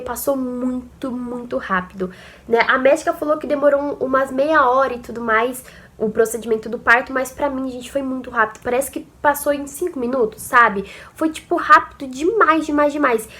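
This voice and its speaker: A woman's voice: high-pitched, fairly bright tone. A young woman with a Brazilian accent tells a personal story to her viewers in a chatty, emotional way, often calling out to them. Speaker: vlogger. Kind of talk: casual personal storytelling to camera.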